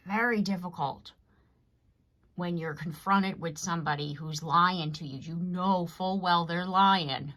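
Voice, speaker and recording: Low-pitched woman, tarot reader, casual and rambling, talks straight to her viewers. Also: fairly bright tone. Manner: rambling, conversational, frequent "you know what I mean". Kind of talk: casual collective tarot reading to camera.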